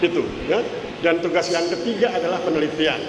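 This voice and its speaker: A man's voice: on the high side, a little fast. Man in his sixties, echoey mosque talk. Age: 60s. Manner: chatty and joking, often checking in with the audience with 'ya?'. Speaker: lecturer giving a mosque talk. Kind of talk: motivational religious talk. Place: mosque hall. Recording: echoey hall with background noise.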